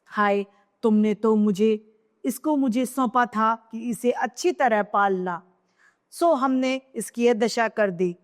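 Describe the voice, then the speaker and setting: A woman's voice: a little high, takes it slowly, big-room sound. A woman voicing a grieving queen mother who laments over her dead son with repeated cries. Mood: grief-stricken. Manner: wailing lament, cries of hai.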